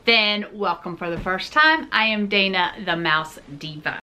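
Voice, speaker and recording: A woman in her forties chats through a shopping haul on her own channel. Her voice sits at a middling pitch with a bright, crisp edge. She jokes and speaks straight to her viewers in a relaxed, talkative way. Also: measured pace. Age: 40s. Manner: chatty, jokey, talks straight to viewers. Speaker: vlog host. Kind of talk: casual shopping haul chat.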